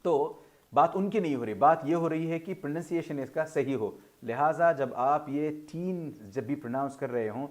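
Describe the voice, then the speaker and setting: A man teaching English pronunciation in a video lesson, explaining in a formal tone with Urdu-flavoured words and slowly drawing out each example word. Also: a little high. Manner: slow, drawn-out model pronunciations between explanations.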